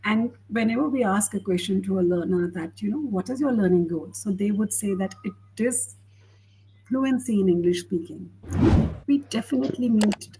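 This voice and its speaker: A woman English tutor in a conversation, explaining speaking tips to a learner in a measured, advising way. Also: mid-range voice, mellow, a little hiss or hum, rough recording. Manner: measured, explanatory, gives advice. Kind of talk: teaching conversation.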